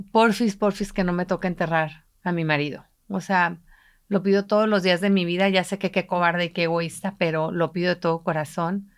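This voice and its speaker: A woman's voice: on the low side, clear, resonant tone. A middle-aged woman, telling a personal story in an intimate podcast conversation and voicing the people she quotes. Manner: emotional, reflective, voices quoted people while retelling. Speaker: podcast co-host, mother.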